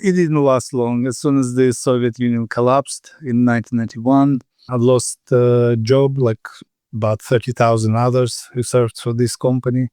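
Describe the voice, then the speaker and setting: A man in his fifties from Ukraine with a Ukrainian accent, a podcast guest telling his story casually with pauses and fillers. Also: medium pitch, dark tone, clean tone, dry recording. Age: 50s. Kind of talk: casual interview over a call.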